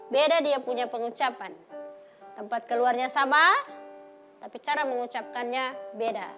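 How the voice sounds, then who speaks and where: A woman teaching Quran letter pronunciation, slowly repeating example sounds. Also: high-pitched, sharp tone. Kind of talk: televised religious lesson.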